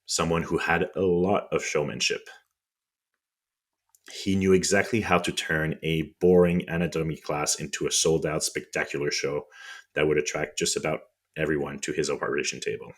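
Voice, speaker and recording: A man with a French accent, co-hosting a podcast and telling history in a conversational way with wry, indignant asides. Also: extremely low pitch. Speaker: podcast co-host.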